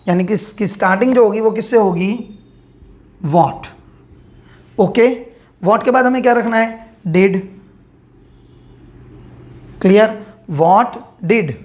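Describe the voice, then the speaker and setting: A woman teaching a grammar lesson, dictating example sentences slowly and asking questions she then answers herself. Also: medium pitch.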